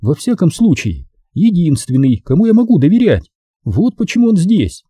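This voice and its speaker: A man's voice: high voice, big pitch swings, moderate pace, warm tone, husky, dry recording, voice pushed up, heavily acted. A man voicing a glamorous, imperious female film star who talks sweetly but gives orders. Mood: coaxing sweet. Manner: sweetly cooing, commanding.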